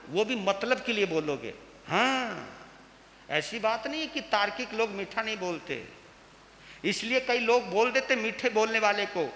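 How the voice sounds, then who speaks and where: Male monk, sermon, high bright voice, slow deliberate delivery, repeats lines and quizzes the audience; reverberant hall recording with faint hiss. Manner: slow, emphatic, repeats phrases and asks the listeners questions. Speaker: Jain monk preaching.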